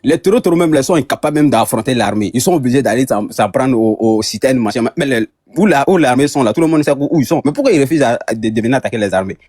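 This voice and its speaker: A man's voice: medium pitch, expressive, fast talker, hardly any pauses, darkish tone, no room sound, studio quality. A man from Ivory Coast, a caller in a heated online debate, who stumbles and repeats words as he argues. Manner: hesitant, repeats words, gets defensive.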